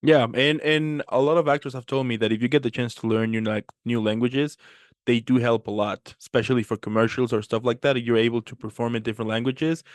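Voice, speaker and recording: A man's voice: mid-range voice, fairly even intonation, a little fast, dry recording, studio quality. A man hosting a casual chat show, laid-back and agreeable, with a slangy way of talking. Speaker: host.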